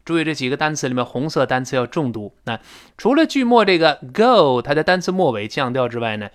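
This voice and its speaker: A man's voice: on the high side, sing-song, fairly quick. A man teaching English pronunciation in a recorded audio lesson. He explains intonation and demonstrates the sounds as he goes.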